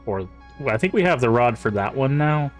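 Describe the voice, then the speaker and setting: A man casually commenting on a game while streaming live, chatty and relaxed, with quiet mumbled asides. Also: mid-range voice, fairly quick, faint music behind.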